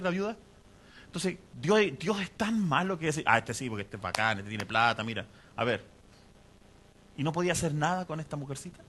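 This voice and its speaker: A man's voice: high-pitched, fairly bright tone. A man preaching a sermon as pastor, conversational and asking the congregation questions.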